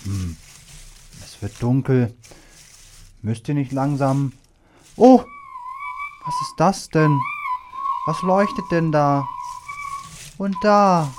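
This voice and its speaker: A man voicing a slow, gentle donkey. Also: on the high side, lively intonation, slight background noise. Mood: wondering. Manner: slow, warm-hearted and easily delighted. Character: gentle, kindly male donkey. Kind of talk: children's radio play.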